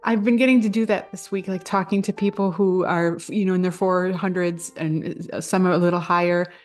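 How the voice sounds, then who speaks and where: Woman vlogger, low-ish voice, earnest and effusive, casual chat with faint music. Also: steady tone, brisk, a little mellow. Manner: earnest, gushing, many fillers. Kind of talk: casual heartfelt vlog talk.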